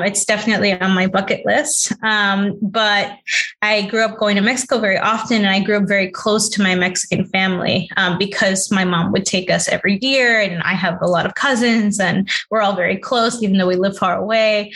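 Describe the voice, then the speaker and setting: Bright, chatty New woman. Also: mid-range voice. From New York City. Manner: chatty, lots of fillers and likes. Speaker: guest, author. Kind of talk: casual interview.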